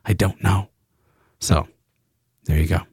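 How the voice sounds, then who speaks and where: Low-voiced man rambling on a podcast. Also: fairly even intonation, measured pace, darkish tone, slightly rough, no echo, clean studio sound. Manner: rambling, joking, swears freely. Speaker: podcast co-host. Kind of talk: casual chat.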